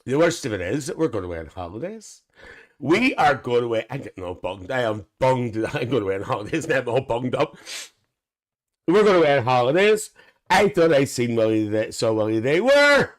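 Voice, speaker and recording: Viewers get called dear by a man in character as a gossipy older aunty running a live stream, where he reads comments and chats bawdily with lots of laughter. His mid-range voice sounds natural and very animated, at a moderate pace.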